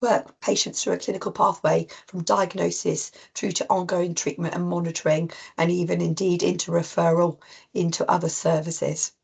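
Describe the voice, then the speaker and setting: A woman with a cold, husky and coughing, giving an informal online talk to practice teams with many ums and restarts. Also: fairly low pitch, flat delivery, normal speed, a little mellow. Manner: rambling with frequent ums and restarts. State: coughing, voice strained. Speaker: clinical lead presenting to practice teams. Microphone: video call.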